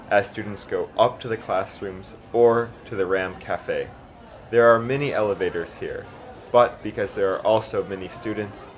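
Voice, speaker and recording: A young adult man narrating a guided campus tour as a student guide. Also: fairly low pitch. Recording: clear background noise.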